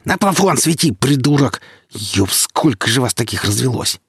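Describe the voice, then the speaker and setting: A man voicing a squeaky, cocky young male thug who bosses and shouts at others. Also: very animated, fairly quick, gravelly, husky, no room sound, clean studio sound, exaggerated voice. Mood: irritated. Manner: rude, bossy, shouting.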